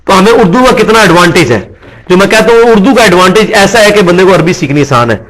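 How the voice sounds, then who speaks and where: A man's voice: sits high, animated, a bit bright. A man giving a classroom lecture as a religious teacher, explaining patiently and often checking in with his listeners. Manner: mixes English words into his speech.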